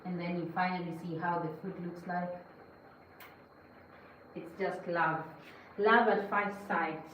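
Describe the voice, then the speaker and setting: A woman's voice: fairly low pitch, fairly even intonation, a little slow, a bit bright. Woman, cooking stream host, casual and preachy, roomy kitchen sound with background noise. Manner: chatty, lecturing viewers. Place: home kitchen. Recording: echoey kitchen, mic at a distance.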